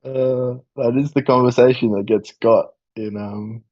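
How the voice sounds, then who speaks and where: A man's voice: mid-range voice, steady tone, a little slow, no room sound, highs cut off. A man chatting casually as a player during a board game match, teasing and joking with the others. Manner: teasing, jokey banter. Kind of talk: casual gaming chat.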